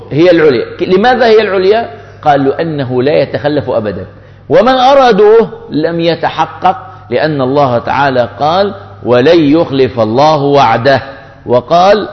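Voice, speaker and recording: A man giving a religious lesson on scripture, explaining with rhetorical questions and reciting verses. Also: a little high. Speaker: religious teacher. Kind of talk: Quranic exegesis lesson. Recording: muffled with long hall reverb.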